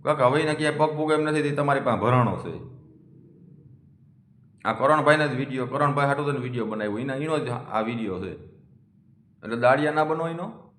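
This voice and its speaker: A man's voice: mid-range voice, moderate pace, long pauses, fairly bright tone. A man, speaking a defiant, scolding monologue that challenges his critics. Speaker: community vlogger. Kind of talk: confrontational monologue. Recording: echoey room.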